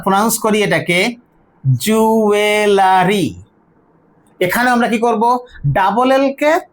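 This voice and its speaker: A teacher working through a grammar and pronunciation lesson at a steady, patient pace. The voice walks through each step, poses questions and answers them, and stretches out the example words slowly so every sound can be heard. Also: mid-range voice. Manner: explains step by step, asks and answers own questions; says model words slowly and drawn out. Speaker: English teacher.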